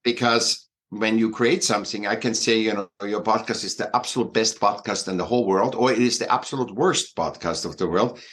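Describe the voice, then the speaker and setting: A man in his sixties from Austria with an Austrian accent, a guest artist talking in a halting way, full of fillers and restarts. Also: on the low side, a bit bright. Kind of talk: conversational interview.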